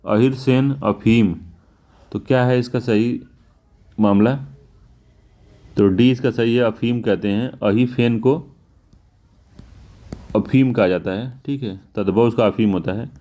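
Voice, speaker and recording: A man with a North Indian Hindi accent walks through practice test questions in a teaching tone, with a mellow, dark voice. He keeps a mid-range pitch and slows right down to repeat each key word. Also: fairly even intonation. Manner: repeats words slowly, drawn-out emphasis. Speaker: exam prep teacher. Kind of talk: explaining test answers.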